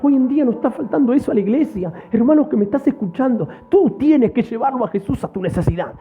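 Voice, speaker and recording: A man with a very high voice preaches with fervor, hammering home each point through repetition. He keeps turning to speak directly to whoever is listening. The sound is thin and tinny, like a phone line. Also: expressive, quick pace, husky. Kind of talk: sermon.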